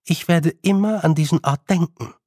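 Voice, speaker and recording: A man voicing a young girl witch in an audiobook, raising his voice a little and speaking in a measured, stern way. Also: a little high, darkish tone, dry recording, clean studio sound, pitched above the performer's own voice, lightly acted. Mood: firm, stern. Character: young girl witch, calm, firm and commanding. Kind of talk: audiobook character voice.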